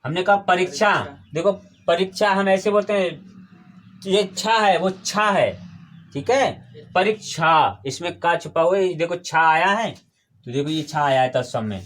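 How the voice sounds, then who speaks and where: A man's voice: high voice, measured pace, a bit bright. A man teaching a classroom grammar lesson, quizzing his students with call-and-response questions and patiently repeating the key terms.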